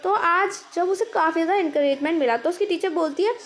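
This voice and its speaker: Very high-pitched young woman, teacher, explaining a story, patient, acts out the lines. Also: brisk. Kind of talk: chapter summary lesson.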